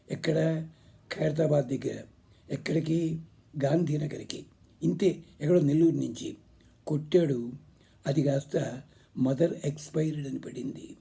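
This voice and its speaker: A man giving a spiritual discourse, explaining slowly and drawing out recited words. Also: a little high, gravelly, mellow, breathy edge. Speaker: speaker on scripture.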